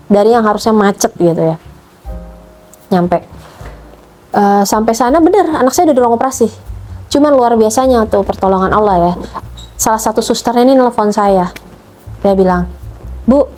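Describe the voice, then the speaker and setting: A middle-aged woman telling a personal testimony about her child, emotionally retelling events and acting out the dialogue. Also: warm tone. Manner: emotional retelling, acts out dialogue with rising pitch. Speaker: mother telling her conversion story.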